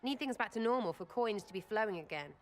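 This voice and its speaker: A woman's voice: mid-range voice, expressive, fast, lightly acted. An actress playing a blunt, sarcastic young woman archer in a video game, crude and irreverent. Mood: flippant. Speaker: companion character in a video game.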